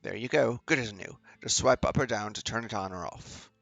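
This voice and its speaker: A man's voice: lowish voice, fairly quick, gravelly, a bit bright, dry recording, soft background music. A man reading the lines of an eccentric male professor and inventor, talking in eager explanations.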